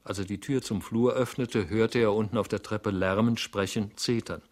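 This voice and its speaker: A man reading a novel aloud as narrator, in a measured, somber manner. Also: lowish voice, fairly even intonation.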